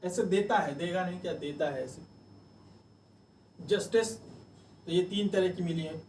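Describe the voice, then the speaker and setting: A male coaching teacher talks students through exam mnemonics, circling back and repeating each list many times. His voice sits a little high. The mic is some way off, leaving a roomy echo and a faint hum of ambience. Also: a little mellow, far from the mic. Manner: chatty, repetitive drilling of mnemonics.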